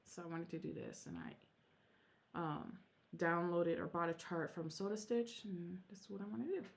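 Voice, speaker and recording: At home, a Flosstube vlogger whose first language is Korean shows off her stitching projects in a casual show-and-tell, rambling and interrupting herself. Her voice is fairly low, steady, and gravelly, at normal speed.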